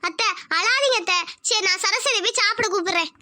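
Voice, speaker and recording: A caring young daughter-in-law from a cartoon drama, voiced by a woman, gently coaxing her grieving family. The voice is very high and bright. The recording is dry. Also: brisk, dry recording, heavily acted. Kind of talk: Tamil cartoon drama voice acting.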